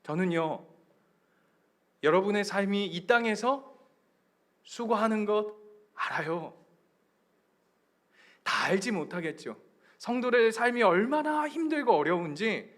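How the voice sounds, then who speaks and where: High-voiced pastor preaching with emphatic swings. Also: male voice. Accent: Gyeongsang Korean. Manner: swings from hushed near-whispers to loud emphatic cries; asks the congregation questions and leads them in reading aloud. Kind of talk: sermon. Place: church sanctuary.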